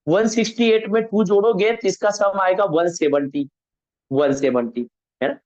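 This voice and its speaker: A man's voice: high-pitched, moderate pace, a little mellow, highs cut off. A man teaching a networking class online. He asks the class questions, answers them himself and corrects his own slips. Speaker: networking instructor.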